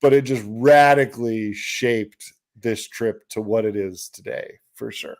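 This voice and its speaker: A man's voice: medium pitch, unhurried. A man co-hosting a fishing show, telling a story casually and acting out what people said. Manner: animated storyteller, acts out quotes, laughs while telling. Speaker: podcast co-host.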